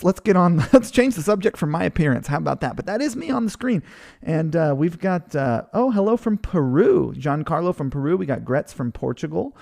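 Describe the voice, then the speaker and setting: A Hawaiian man in his thirties hosts a live online webinar, reading viewer comments aloud in a loose, rambling way full of fillers and restarts. His medium-pitched voice is gravelly, dark and mellow, picked up by a computer microphone.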